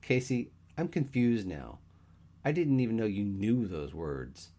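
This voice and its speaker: A man voicing a brash, crude young man who reacts loudly and with disbelief. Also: lowish voice, sing-song, unhurried, voice pushed up. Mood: excitable.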